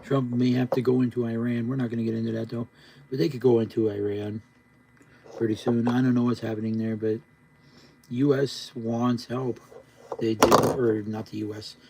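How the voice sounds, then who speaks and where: A man's voice: mid-range voice, level tone, normal speed, vocal fry, noisy background. A man live streaming casual, rambling chat in a laid-back stoner drawl, often repeating himself. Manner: repetitive, rambling.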